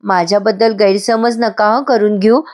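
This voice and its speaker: A woman reading the lines of a gentle, ashamed young woman who speaks politely and pleadingly. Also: medium pitch, steady tone, moderate pace, close to an everyday voice.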